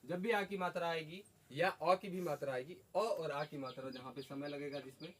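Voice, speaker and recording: Guy teacher running a class, kinda high voice, asks stuff and repeats answers, bit of noise behind. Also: normal speed, a bit bright. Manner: questions students and repeats their answers. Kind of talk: classroom lesson. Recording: faint background noise.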